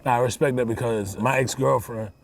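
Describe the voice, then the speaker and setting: A man's voice: mid-range voice, brisk, creaky, slight background noise. A man hosting livestream auditions in a casual comedic interview style, blunt, teasing and full of slang and swearing. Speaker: host judging auditions on a livestream.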